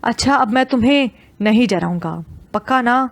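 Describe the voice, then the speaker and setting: A woman's voice: on the high side, lively intonation, no echo. A woman reading as a coaxing young husband. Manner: soothing, coaxing. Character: gentle teasing young husband.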